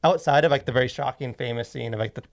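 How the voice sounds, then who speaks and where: This man's mid-range voice is creaky and quick as he hosts his podcast and reviews movies. His delivery wanders and bubbles with enthusiasm, heavily peppered with "like."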